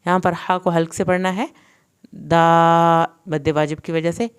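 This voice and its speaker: A woman teaching Quran recitation, reciting verses slowly and then explaining the pronunciation rules quickly. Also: lowish voice, level tone, smooth. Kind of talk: tajweed lesson with slow recitation.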